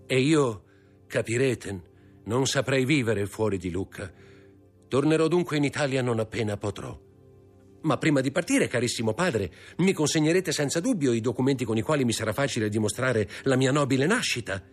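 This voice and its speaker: A man voicing a grave, nervous older male impostor in an audiobook, with a husky voice. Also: medium pitch, lively intonation, normal speed, faint music behind, pitched above the performer's own voice, natural voice. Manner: grave, stiff, formal.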